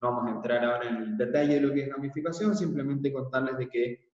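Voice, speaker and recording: A man born in Israel leads an online workshop in a calm, explanatory way, pausing often on filler sounds. His voice sits at an ordinary pitch. It comes through a dull, lo-fi call line from a distance, with a heavy room echo and a long reverb. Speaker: workshop facilitator. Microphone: laptop mic on a video call. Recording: echoey, distant, dull video call audio.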